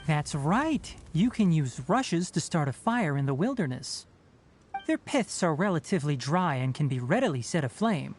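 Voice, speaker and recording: Lowish, lively young male ranger. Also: normal speed, a little hiss or hum. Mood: instructive, dry. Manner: instructive, matter-of-fact, dry. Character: youthful male forest ranger, knowledgeable, practical, gently dry. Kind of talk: video game character voice acting.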